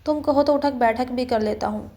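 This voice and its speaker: A woman's voice: sits high, warm tone, natural voice. A woman voicing a persistent, lovestruck young man who teases and coaxes playfully. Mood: teasing. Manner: playful, coaxing pleading.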